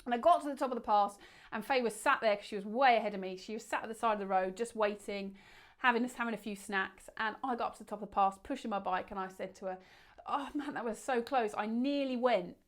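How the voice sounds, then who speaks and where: A woman telling a bedtime adventure story in a lively way, acting out the quoted lines with big shouts. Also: medium pitch, quick pace.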